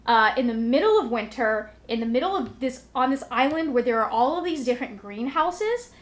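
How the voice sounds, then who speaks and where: Speaking at a moderate pace with lively intonation, this high-pitched book vlogger recaps for her viewers over slight background noise. The chatty vlog is rambling, conversational and self-deprecating.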